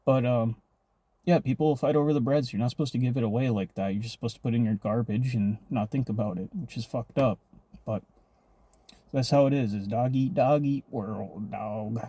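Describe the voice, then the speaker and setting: A man's voice: medium pitch, moderate pace, mellow. A man telling a personal story in a rambling, profane, casual vlog monologue.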